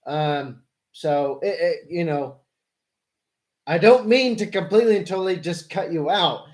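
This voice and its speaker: In a political debate with a caller on his live stream, the host explains his view while correcting and rephrasing along the way. He speaks a little slowly, his voice on the high side.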